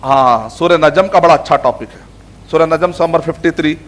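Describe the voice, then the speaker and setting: High-voiced man giving a casual religious lecture. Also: fairly quick. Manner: conversational, repeats phrases, mixes English words. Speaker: Islamic scholar teaching Quran themes.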